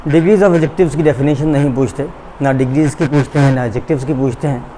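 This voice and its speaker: A man with a Pakistani accent teaching English in a recorded online lecture, shifting between slow, deliberate English and quicker Urdu explanations. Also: a little high, a little mellow, a little hiss or hum, low-quality recording. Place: school classroom or studio.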